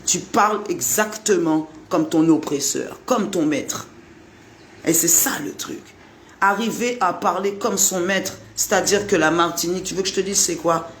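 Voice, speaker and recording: A man's voice: high-pitched, normal speed, fairly bright tone, slight background noise. A man from Guadeloupe giving an impassioned monologue, repeating his points and talking straight to the listener. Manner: repetitive, rhetorical, addresses the listener directly.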